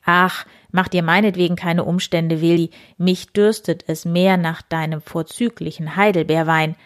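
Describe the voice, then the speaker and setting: A woman's voice: fairly low pitch, fairly even intonation, moderate pace, lightly acted. A woman voicing a proud, hearty medieval count in a storybook reading.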